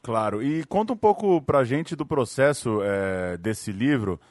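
A man's voice: mid-range voice, animated, measured pace, a little mellow, no echo, studio quality. A male host asking the guest long, inviting questions. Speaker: interviewer, host. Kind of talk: interview questions.

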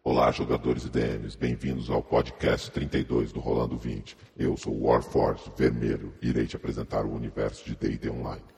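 A man's voice: extremely low pitch, level tone, brisk, vocal fry, hardly any pauses, a little mellow, in a large hall, voice pushed down. A man voicing a male warforged warrior from a game, his voice run through a robotic voice-changer filter, announcing formally in character. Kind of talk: podcast intro read in character.

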